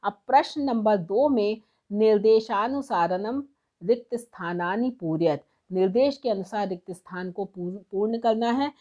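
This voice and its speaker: A woman teaching as a tutor, explaining textbook exercises step by step and slowing down to read verses aloud. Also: medium pitch, mellow, lo-fi sound. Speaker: Sanskrit tutor.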